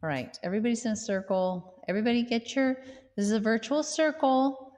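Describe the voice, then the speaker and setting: A woman's voice: on the high side, fairly quick, a little mellow, in a large hall. A woman singer-songwriter chatting casually with livestream viewers, rambling and amused at herself. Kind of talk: casual chat with live viewers.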